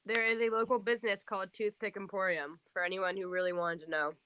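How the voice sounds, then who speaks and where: Bright, blunt young woman. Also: medium pitch, flat delivery, quick pace, smooth. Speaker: guest. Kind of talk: casual group video chat. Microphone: video call.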